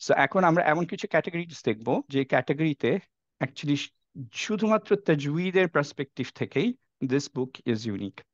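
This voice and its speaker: A man's voice: fairly high pitch, sing-song, normal speed, no echo. Male teacher lecturing, dry muffled recording. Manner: explains step by step and checks in with the class; mixes English phrases into his sentences. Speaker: Quran teacher. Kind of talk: classroom lecture. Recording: dry, slightly dull lo-fi sound.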